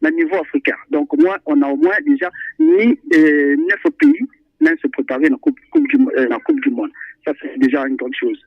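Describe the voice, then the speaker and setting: An extremely high-pitched man calls a radio show at a moderate pace, his voice creaky as he chats animatedly about football. He hesitates frequently and keeps repeating himself, heard dry over a tinny phone line.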